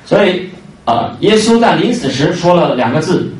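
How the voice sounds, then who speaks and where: A man preaching an evangelistic sermon with emphasis, repeating key phrases and pausing on fillers between points. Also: fairly high pitch, very animated. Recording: roomy, distant mic, faint noise.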